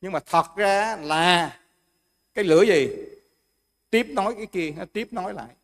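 High-voiced man teaching. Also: moderate pace, a bit bright. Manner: explains with everyday examples, asks the audience questions. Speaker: Buddhist monk teacher. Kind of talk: dharma talk.

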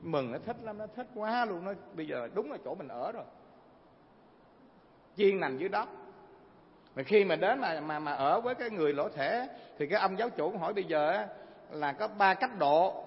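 Male Buddhist preacher, gravelly and a bit high, lively storytelling sermon, dull recording in a reverberant hall. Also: moderate pace. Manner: animated, asks frequent rhetorical questions. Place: hall before a live audience.

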